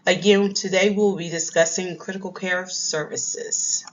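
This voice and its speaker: A woman with a cold-roughened, raspy voice, chatting casually while teaching medical coding. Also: on the low side, steady tone, a little slow, muffled recording. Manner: chatty, folksy, says y'all. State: hoarse from a cold. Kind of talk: casual vlog and lesson.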